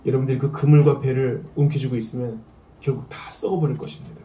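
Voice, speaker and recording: A man preaching a sermon as pastor, swinging between loud emphasis and hushed tones. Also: mid-range voice, fairly even intonation, fast talker, roomy sound.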